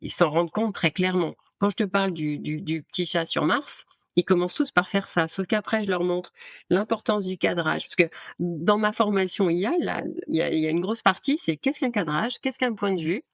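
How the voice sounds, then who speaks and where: A woman's voice: on the low side, moderate pace, vocal fry, no room sound, clean studio sound. A woman guest in casual interview talk, an art director explaining her work with many hesitations and restarts.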